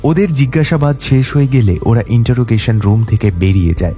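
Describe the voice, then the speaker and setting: A man narrating a detective audio story in a steady storytelling manner. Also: mid-range voice, fairly quick, soft background music.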